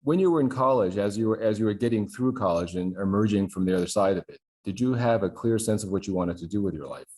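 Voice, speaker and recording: A man's voice: lowish voice, fast, hardly any pauses, a little mellow. A man hosting an interview, asking friendly questions with light jokes. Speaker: interview host. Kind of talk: casual interview conversation.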